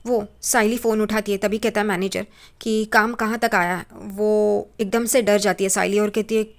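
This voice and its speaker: Woman, mid pitch, casual conversational recap of a drama episode, slips the characters' lines into her retelling. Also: fairly even intonation, normal speed. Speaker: TV serial recap narrator.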